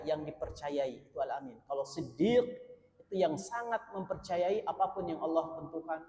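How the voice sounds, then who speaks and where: A man with a fairly high voice gives a sermon in a mosque hall with a long reverb. He chants verses loudly, then drops into soft, playful explanations for the congregation. The hall gives his voice a roomy, echoing ring. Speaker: preacher. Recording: echoey hall from a distance.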